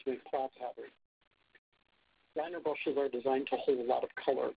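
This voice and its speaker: A man's voice: mid-range voice, fairly even intonation, normal speed, creaky, slightly rough. A man giving scripted step-by-step narration from an instructional video, played aloud from a phone held up to a speaker and re-recorded. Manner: short step-by-step commands. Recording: tinny phone-like playback through a speaker.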